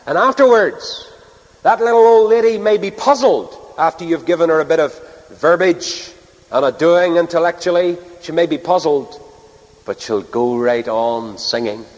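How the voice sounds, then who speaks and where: A middle-aged man with a Northern Irish accent preaching a sermon earnestly, with rhetorical repetition and dramatic pauses. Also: on the high side. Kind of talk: sermon to a congregation. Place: large hall or church, speaking to a live audience. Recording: long reverb of a large hall.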